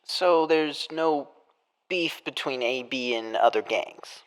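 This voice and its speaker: A man's voice: on the high side, takes it slowly, pitched below the performer's own voice. A man reading the part of a formal prison interviewer in a murder mystery game, sticking to scripted questions. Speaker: podcast host.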